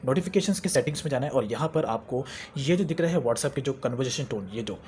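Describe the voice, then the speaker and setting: Fast-talking man explaining phone settings. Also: mid-range voice, lively intonation, darkish tone, slight background noise. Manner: chatty, repeats phrases, mixes English terms into Hindi. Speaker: tech tutorial host. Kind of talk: screen-recorded how-to tutorial.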